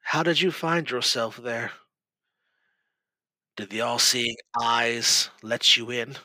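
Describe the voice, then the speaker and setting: A man voicing a weak, traumatized young male librarian who speaks slowly and faintly. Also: mid-range voice, pushed and bright, no room sound, heavily acted, low-quality recording. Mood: haunted. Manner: slow, faint, haunted.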